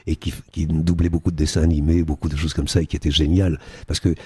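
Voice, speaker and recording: A man's voice: rumbling low, flat delivery, quick pace, mellow, husky. An older man, an actor being interviewed on radio, talking animatedly and slipping into character voices now and then. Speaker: guest actor.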